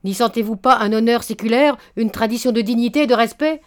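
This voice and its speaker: A woman's voice: mid-range voice, brisk, darkish tone, natural voice. A woman reading aloud, voicing a proud old male baron who scolds a young man indignantly and stammers in his anger. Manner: indignant, stammering then thundering.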